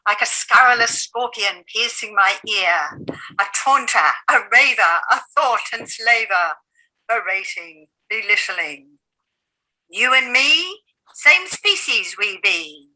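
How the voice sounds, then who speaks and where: A woman poet delivers a dramatic recital in a very bright, forceful voice. She takes her time over the words and reads with theatrical emphasis at a middle pitch. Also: expressive, unhurried, low-quality recording. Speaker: poet reading her own work.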